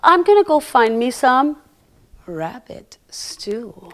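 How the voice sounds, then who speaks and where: A woman's voice: sits high, very animated, slow, heavily acted. A woman voicing a hungry male coyote in a children's flannel-board story, with a drawling storybook voice. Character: hungry male coyote, casual and plain-spoken.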